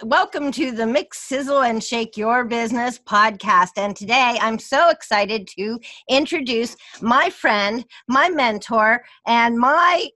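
A woman hosting a podcast in a casual, chatty way, with a gravelly voice hoarse from a cold. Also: fairly high pitch, sharp tone, no echo. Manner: chatty, upbeat, spells things out slowly. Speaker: podcast host.

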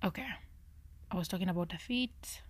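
A woman hosting a podcast, thinking aloud through a Bible study in a low, half-whispered way, often stopping to correct herself. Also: a little fast, a little hiss or hum. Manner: searching, self-correcting musing. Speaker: podcast host.

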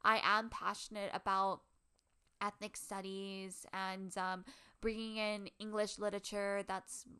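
An American woman in her twenties from Hawaii, a podcast co-host telling personal stories casually in a halting, informal and self-effacing way. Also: medium pitch, flat delivery, sharp tone, smooth. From Hawaii, United States. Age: 20s.

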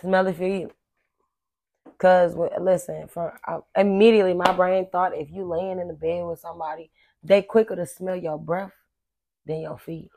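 Laughing, lower-voiced woman co-host. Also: steady tone, normal speed, dark tone, no room sound. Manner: laughing, profane, chatty slang. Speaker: podcast co-host. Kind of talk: casual chat.

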